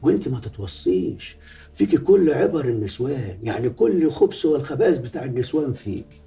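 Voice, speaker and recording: A smug hypocrite who talks like a preacher, Egyptian accent, gravelly voice, faint music behind. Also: male voice, mid-range voice, sing-song, quick pace, dark tone. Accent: Egyptian Arabic. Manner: sanctimonious, menacing, full of religious phrases. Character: pious-talking, scheming middle-aged man, hypocrite. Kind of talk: film drama acting.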